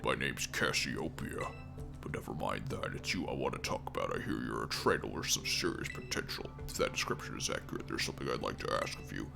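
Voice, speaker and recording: A man's voice: animated, creaky, music in the background, exaggerated voice. A man putting on a fake voice-changer voice to play a secretive hacker character while playing a game. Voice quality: mock voice-changer voice, pitched far down. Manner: slow, low, secretive. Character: mysterious hacker speaking through a voice changer. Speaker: gamer reading character dialogue.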